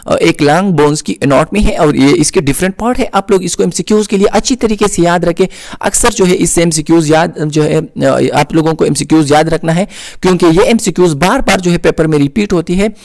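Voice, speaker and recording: A man with a Pakistani Urdu accent gives a slow, repetitive nursing lecture over slides, with frequent "uh" fillers. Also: sits high, gravelly, darkish tone, dry recording. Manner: explains slowly, repeating terms, with frequent "uh" fillers. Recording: dry close recording.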